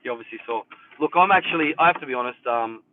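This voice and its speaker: A man's voice: medium pitch, fast. A man with an Australian accent, a hairdresser, chatting casually with viewers from his mother's house. He rambles with many fillers and leans hard on his main points. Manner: rambling, filler-heavy, emphatic on key points. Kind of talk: casual live chat with viewers. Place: indoors at his mother's house, air conditioner running. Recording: tinny phone-like sound, distant from the mic, faint noise.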